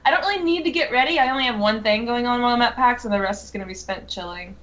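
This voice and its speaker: A woman's voice: fairly high pitch, racing, fairly bright tone. A young woman chatting casually on a podcast, giggly and easygoing. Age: young adult. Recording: dull mic with faint noise.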